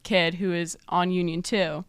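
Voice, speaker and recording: A woman's voice: on the low side, little pitch movement, a little slow, smooth, no echo. A woman hosting a podcast, chatting casually and asking follow-up questions. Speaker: podcast host.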